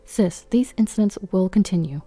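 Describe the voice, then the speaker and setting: A woman voicing a polite, reserved young man who speaks quietly. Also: mid-range voice, moderate pace, dry recording, faint music behind, close to an everyday voice. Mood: earnest.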